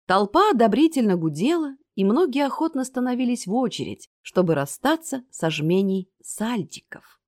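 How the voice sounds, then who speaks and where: A woman's voice: a little high, very animated, normal speed, darkish tone, no room sound, clean studio sound. A woman reading a fantasy novel aloud as the narrator. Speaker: audiobook narrator.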